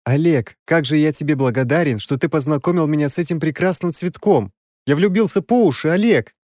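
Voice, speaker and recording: A man's voice: mid-range voice, big pitch swings, moderate pace, darkish tone, no echo. A naive, lovesick young prince, as a male reader puts him on, gushing in a raised, eager voice. The storybook recording is dry and close. He sounds wide-eyed and earnest.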